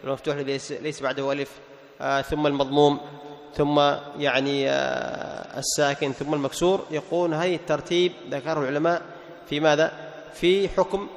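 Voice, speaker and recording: A man with a notably high voice teaches recitation rules to a room of students. He fires off quick questions, answers them himself, and breaks into short chanted examples. Long reverb from the hall trails every phrase. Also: steady tone. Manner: quizzes students with quick rhetorical questions, then repeats the answer. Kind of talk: classroom lesson on recitation rules. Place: classroom with students present.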